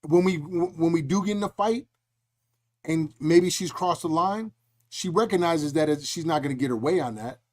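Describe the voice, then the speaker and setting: A middle-aged man hosting a podcast in casual talk, telling lively stories and acting out voices as he goes. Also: fairly high pitch, normal speed. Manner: animated storytelling, acts out quoted voices. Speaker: podcast host.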